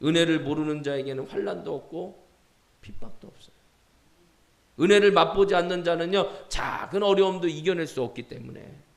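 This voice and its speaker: A man's voice: on the high side, normal speed, creaky. A man preaching a sermon as pastor, leading the congregation in repeated phrases and hallelujahs. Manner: preaching with call-and-response, frequent hallelujahs. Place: church sanctuary. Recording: echoey church hall.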